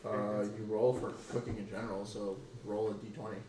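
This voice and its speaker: A man's voice: on the low side, level tone, a little fast. A man running a tabletop game as game master, narrating and joking with the players. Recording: echoey room, far from mic, noisy.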